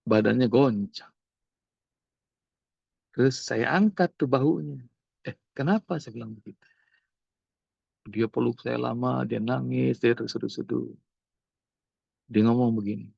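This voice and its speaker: A man's voice: mid-range voice, creaky, slightly rough, dry recording. Man, preacher, storytelling sermon, dull lo-fi recording. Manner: animated storytelling, acting out dialogue.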